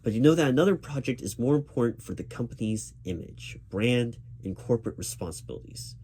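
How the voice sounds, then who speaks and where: Playing an interviewer for a job, this man performs an ASMR roleplay out loud rather than in a whisper. He sounds comforting but hesitant, often repeating words, at a medium pitch. Keyboard typing clicks along steadily underneath.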